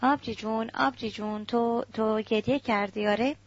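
A woman's voice: a little high, fairly even intonation. A woman doing a small, curious little girl. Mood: worried. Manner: childlike questioning. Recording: dull lo-fi recording.

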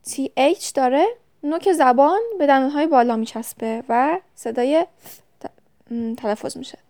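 A woman teaching English vocabulary, saying each word, giving its meaning and spelling it out letter by letter in a calm, measured way. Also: high-pitched, no room sound, clean studio sound. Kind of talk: slow vocabulary drill, spelling words letter by letter.

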